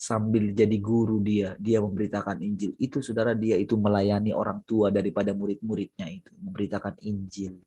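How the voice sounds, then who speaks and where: A man preaching a sermon over a video call, animated, his voice rising high and loud for emphasis and dropping low and soft. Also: a little fast, breathy edge.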